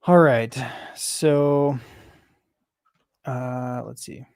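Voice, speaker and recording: Developer, male, halting think-aloud while debugging, dry close sound, unhurried. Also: mid-range voice, a little mellow, smooth, no room sound. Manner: halting, self-questioning, many restarts. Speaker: software developer.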